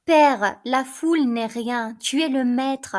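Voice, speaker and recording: A desperate young son pleading with his father, as a woman reads the part. He sounds urgent and imploring, in a fairly high voice. It is a plain play reading. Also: slow pace.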